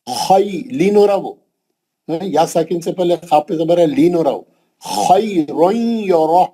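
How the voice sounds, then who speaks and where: A man's voice: on the high side, dark tone, husky. A middle-aged man with a Hyderabadi Urdu accent teaching Quran pronunciation in an online class, patiently repeating letters and correcting students. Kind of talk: online tajweed lesson, slow drilled recitation. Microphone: online class call.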